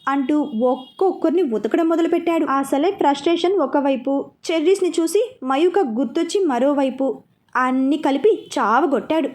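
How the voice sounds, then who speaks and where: A woman's voice: sits high, moderate pace, a little mellow. A woman reading a serialized romance story aloud, lifting her voice for the characters' lines. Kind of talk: scripted story narration with acted dialogue.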